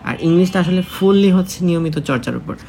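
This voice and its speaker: Male exam tutor, quick and a bit high-voiced, chatty lesson, faint hiss behind. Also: animated, vocal fry, warm tone. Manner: chatty, repeats key points, addresses student directly. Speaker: exam prep teacher. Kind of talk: casual spoken lesson.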